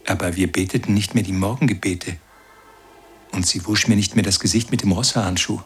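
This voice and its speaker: An actor in a radio play narrating as a grown son who recalls his childhood in slow, brooding words and keeps turning to address his mother. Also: low-pitched, steady tone, husky. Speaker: first-person narrator.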